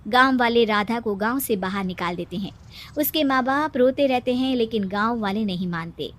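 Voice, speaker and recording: A high-voiced woman narrates a scripted cartoon story. She tells it as a storyteller between the characters' lines. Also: normal speed, a bit bright.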